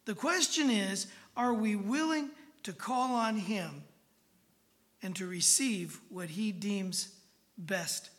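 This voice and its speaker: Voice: mid-range voice, slow, a bit bright. Folksy preacher teaching from the Bible. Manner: informal, folksy, often asks the listeners for assent. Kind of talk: conversational Bible-teaching sermon.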